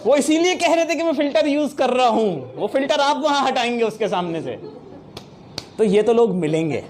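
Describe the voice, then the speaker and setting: A man giving a lively, playful motivational training talk to an audience, often laughing as he speaks. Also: very high-pitched, normal speed, some chatter behind. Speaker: sales trainer.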